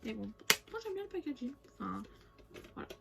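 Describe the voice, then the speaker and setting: A woman's voice: a little high, very animated, brisk, vocal fry. A young woman from France chatting casually through a shopping haul, rambling with many fillers and restarts. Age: young adult. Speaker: beauty vlogger. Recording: music playing behind.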